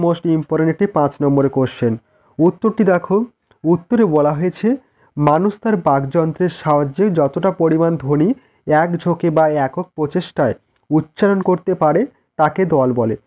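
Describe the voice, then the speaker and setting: A Bengali-accented man teaches an exam-prep lesson, dictating each answer in an unhurried, measured way. His voice sits a little high for a man. The recording sounds somewhat dull and muffled. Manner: slow, deliberate dictation with repeated cues to look.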